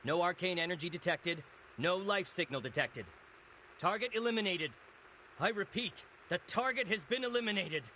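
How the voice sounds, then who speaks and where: A man's voice: sits high, animated, moderate pace, a little hiss or hum, rough recording. An actor playing a dutiful male military operator in a video game, reporting in a formal mission debrief manner. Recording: loud background music.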